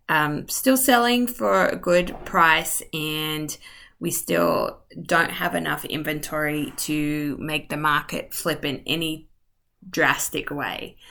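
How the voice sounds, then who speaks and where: This real estate agent is losing her voice as she talks viewers through a map on screen share. Her voice sits on the low side, with vocal fry and a sharp edge, and it runs a little short. She sounds friendly and casual, dropping ums and side comments as she goes.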